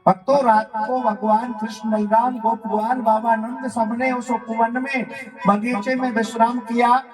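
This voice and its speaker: High-voiced male devotional storyteller. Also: flat delivery, unhurried. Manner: emotive, addresses listeners directly. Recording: distant mic with faint music.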